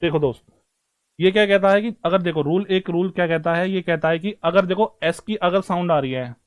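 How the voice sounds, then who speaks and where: Speaking briskly in a high voice, a man teaches stenography online, calling his students brothers and friends while he writes strokes and explains them.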